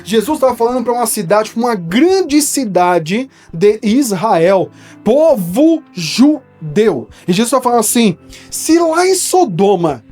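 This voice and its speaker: This studio preacher from São Paulo, speaking with a paulistano accent, explains a Bible verse in a high-pitched, slightly mellow, very animated voice at a measured pace. Faint music plays behind him as he teaches conversationally, often checking in with his audience.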